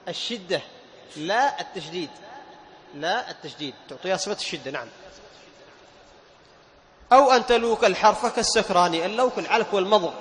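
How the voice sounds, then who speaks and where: A man's voice: sits high, in a large hall. A man teaching Quran recitation rules in a lesson, explaining patiently, repeating key points and asking his students rhetorical questions. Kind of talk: classroom lesson on tajweed.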